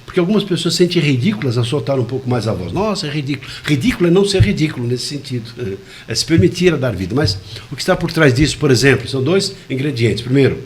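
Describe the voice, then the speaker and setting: A man speaking as a communication expert in a radio interview, with a pitch sitting mid-range for a man. He explains in a demonstrative way, letting his voice drop and rise to show what he means. His words come out carefully enunciated and deliberate. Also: animated, slight background noise. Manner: demonstrative, shifting volume and pitch to illustrate points.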